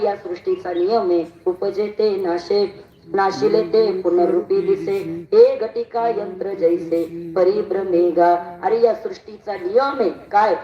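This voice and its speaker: A woman giving a devotional sermon at a village bhajan gathering, calling on the audience to answer and acting out the story's characters. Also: medium pitch. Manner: acts out story characters in a rising voice. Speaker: kirtan preacher. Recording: roomy, distant, dull live recording.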